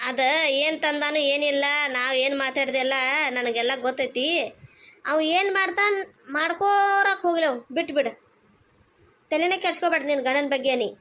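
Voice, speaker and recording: [name], a woman voicing a bright reassuring neighbor. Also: sits high, moderate pace, long pauses. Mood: firm. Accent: North Karnataka Kannada. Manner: reassuring, firm. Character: consoling elder neighbor woman, firm and kind.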